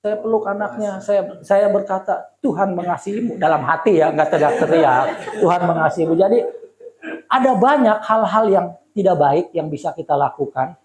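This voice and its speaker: Animated male pastor, echoey room. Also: high-pitched, moderate pace. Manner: conversational, animated storytelling. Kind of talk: sermon. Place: church service.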